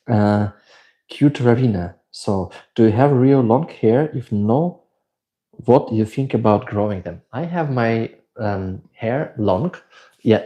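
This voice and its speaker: A middle-aged Swiss man with a German accent hosts a casual live Q&A, reading viewer questions aloud and answering at length. His voice is lowish and warm.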